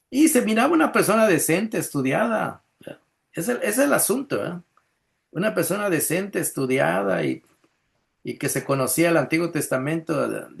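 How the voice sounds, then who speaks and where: A man's voice: a little high, creaky. A man pastor, preaching a conversational sermon with frequent restarts, acted-out quotes and checks on his listeners. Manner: chuckles often, asks listeners "¿verdad?".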